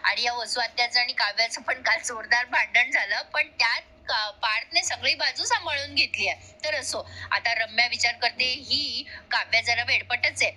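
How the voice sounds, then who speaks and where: Chatty woman with a bright, high voice. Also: normal speed, few pauses. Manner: chatty, addresses viewers directly. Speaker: TV serial recap narrator. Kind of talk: casual storytelling recap.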